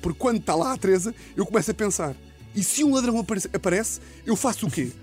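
A man with a European Portuguese accent, telling a comic story as a podcast host, animated and laughing often. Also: fast, soft background music. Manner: animated, laughs often, slips into high-pitched impressions. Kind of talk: comedic storytelling.

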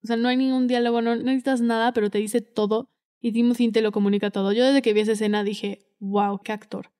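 A woman co-hosting a podcast chats casually about film in a fairly high, warm, clean voice that stays steady while moving fast. She speaks earnestly and with feeling, quoting dialogue expressively.

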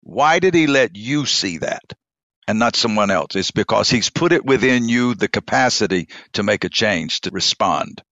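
A middle-aged bishop telling a personal faith story in an intimate, emotional way, sometimes dropping to a whisper. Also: male voice, on the low side, expressive, normal speed, a bit bright, no room sound, dull audio. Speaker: bishop and chairman.

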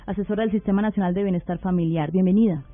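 A woman hosting a radio talk show, speaking in a measured, deliberate way and asking probing questions. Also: medium pitch, fairly even intonation. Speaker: radio host. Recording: narrow phone-like radio sound with faint music bed.

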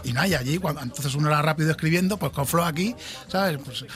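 Un hombre invitado, guionista de doblaje, que cuenta anécdotas de forma relajada. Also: male voice, fairly high pitch, quick pace, fairly bright tone. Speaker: guest, dubbing writer. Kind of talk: casual chat.

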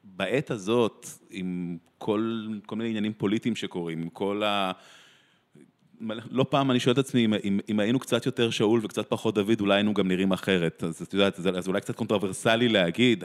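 Thoughtful Israeli man, lowish voice. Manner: thoughtful, with many restarts and pauses. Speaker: guest, translator and theatre director. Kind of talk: reflective interview conversation.

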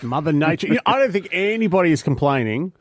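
A man's voice: a little high, very animated, quick pace, no echo. A man with an Australian accent hosting breakfast radio in a studio, playful and teasing, often laughing as he talks. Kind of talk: casual radio banter.

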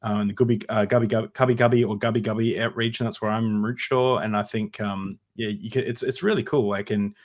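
A man's voice: lowish voice, fairly even intonation, fast talker, few pauses. A young man hosting a casual podcast conversation, chatty and rambling, often repeating words as he thinks. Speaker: podcast host. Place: Australia.

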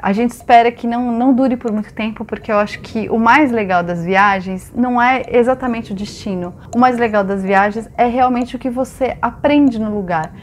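A woman's voice: fairly high pitch, moderate pace, hardly any pauses, a little hiss or hum. A woman with a Brazilian accent giving practical advice in a conversational way.

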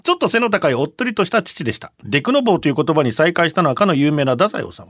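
A man co-hosts a casual radio chat, reading out listener messages. He talks fast and his pitch leaps all over the place. He trades mock-gruff retorts in a dry studio sound. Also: very animated, fairly bright tone, no room sound.

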